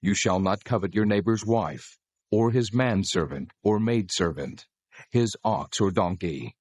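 Husky, solemn God laying down law. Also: male voice, lowish voice, a little mellow, no room sound. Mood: solemn, commanding. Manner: measured, solemn, authoritative. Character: God, solemn commanding divine lawgiver. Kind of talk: dramatized scripture acting.

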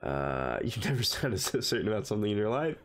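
A man's voice: on the low side, big pitch swings, quick pace, faint music behind. A man streaming a horror game, chatting and joking, with jumpy reactions to scares. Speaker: gaming streamer. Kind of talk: let's play commentary.

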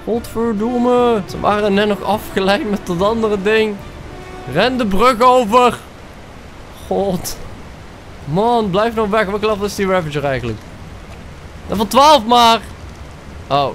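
Excitable young Dutch gamer. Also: male voice, high-pitched, normal speed, long pauses, soft background music. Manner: excitable, swears, mixes in English slang. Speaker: gaming YouTuber. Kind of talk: live gameplay commentary.

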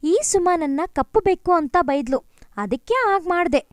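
Young girl, fiery, retorting, high, dry close sound, woman narrator voicing. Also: animated, moderate pace, no room sound. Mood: indignant. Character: dark-skinned young girl, hurt and fiery.

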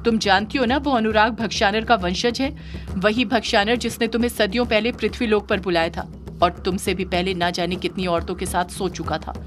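A woman's voice: mid-range voice, fairly even intonation, fairly quick, soft background music, lightly acted. A woman voicing a jealous male yaksha spirit in an audio story, pleading and accusing in a raised voice.

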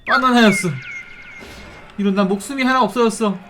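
A gaming host playing along with children, giving excited, exclamatory game commentary and saying each fear and next move aloud. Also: medium pitch, fairly quick, music in the background. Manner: exclamatory, narrates own fear and next moves.

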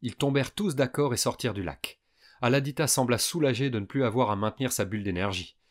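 A man calmly narrating a science fiction audiobook for young listeners. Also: medium pitch, quick pace. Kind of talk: scripted narration.

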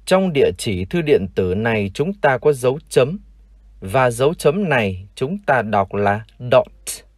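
A Vietnamese man teaching English, who reads each word slowly and repeats it for learners to copy. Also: mid-range voice, big pitch swings, no echo, clean studio sound. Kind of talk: vocabulary lesson, slow model pronunciations.

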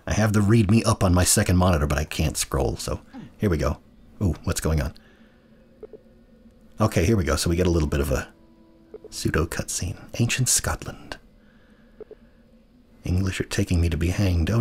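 An American man in his thirties talks through a game as a casual let's-play host, often trailing off and correcting himself. His voice sits very low with a husky edge. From United States. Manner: rambling, self-correcting, chuckling asides. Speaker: gaming channel host.

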